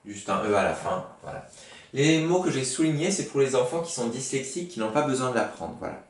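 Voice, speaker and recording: A man's voice: mid-range voice, very animated, a little fast. A man teaching a spelling lesson to schoolchildren, patient and explaining word origins with many fillers. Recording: roomy, from far off the mic.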